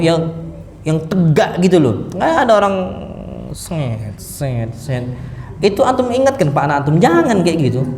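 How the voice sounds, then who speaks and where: A man giving a lively mosque lecture to a seated audience, acting out sounds and stories as he preaches. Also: on the high side. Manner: lively, animated, acts out sounds and punchlines. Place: mosque hall. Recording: echoey mosque hall, faint noise.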